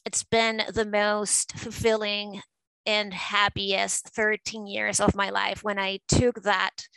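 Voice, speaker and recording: Woman in her forties, bright voice, smooth and crisp, dry close sound, emphatic podcast guest. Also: medium pitch, flat delivery, slow, no room sound, low-quality recording. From Venezuela. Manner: fluent, emphatic, with frequent fillers. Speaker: guest, art advisor and curator. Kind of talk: conversational interview.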